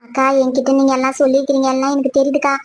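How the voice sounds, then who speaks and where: A woman's voice: high-pitched, monotone, racing, lightly acted. A woman voicing a caring neighbor woman in a cartoon, coaxing and soothing a crying friend. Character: caring neighbor woman who consoles others. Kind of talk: cartoon voice acting.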